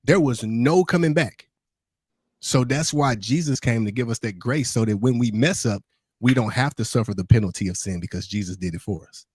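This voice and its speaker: A man co-hosting a podcast in a studio, talking in a playful, lively way that turns into preaching about the Bible. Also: mid-range voice, normal speed, slightly rough, dry recording. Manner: playful and animated, drifting into preachy Bible talk. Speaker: podcast co-host. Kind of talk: casual chat.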